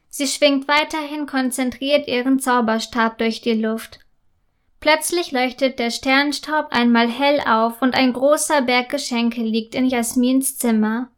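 A woman narrating a children's story in a calm, clear and gently expressive way. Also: sits high.

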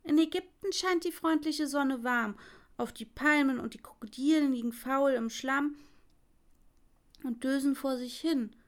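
A woman voicing a soft-hearted female swallow in a storybook reading, raising her voice for the bird. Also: sits high, measured pace. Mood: wistful. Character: gentle, tender female swallow.

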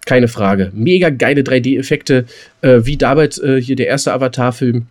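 Talking movies with relaxed, slangy speech and a bit of mild swearing, a male podcast co-host speaks at a moderate pace. His pitch is medium and his tone leans dark.

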